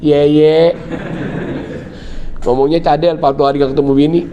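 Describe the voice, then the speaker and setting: Lively Betawi preacher, slightly high voice. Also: male voice, rapid-fire, lo-fi sound, background noise. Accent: Betawi Jakarta. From Betawi, Jakarta. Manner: lively storyteller acting out family scenes with shifting voices. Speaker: Islamic preacher. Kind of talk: religious lecture with comic storytelling.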